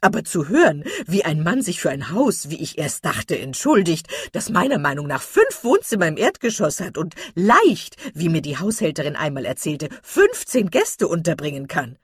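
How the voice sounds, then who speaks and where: A woman voicing a talkative, gossipy older matchmaking lady in an audiobook, with loud, excited exclamations. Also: sits low, moderate pace, few pauses, slightly rough, no echo, studio quality, exaggerated voice. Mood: gleeful. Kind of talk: audiobook character reading.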